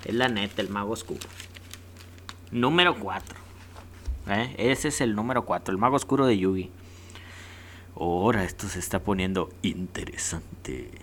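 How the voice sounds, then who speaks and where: A man's voice: fairly low pitch, normal speed, long pauses, fairly bright tone, slight background noise. A man with a Mexican accent hosting a casual countdown vlog, rowdy and jokey with heavy slang. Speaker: host.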